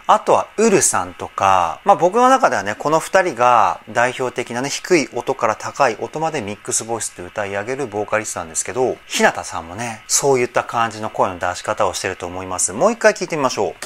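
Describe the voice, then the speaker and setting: A man's voice: mid-range voice, a bit bright, slight background noise. A man working as a voice trainer, giving a casual, admiring analysis of singing and explaining patiently with many fillers. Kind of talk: casual vocal analysis commentary.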